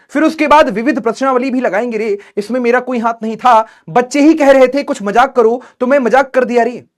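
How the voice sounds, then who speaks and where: A man putting on a joking tutor voice that ends every sentence with a drawn-out "re". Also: very high voice. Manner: tacks a drawling "re" onto every line. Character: silly self-styled big-brother tutor.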